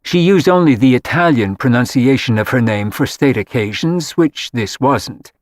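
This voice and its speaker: A man reads scripted audiobook narration in a steady, measured way. His voice is medium-pitched, and the clean studio recording carries no room sound.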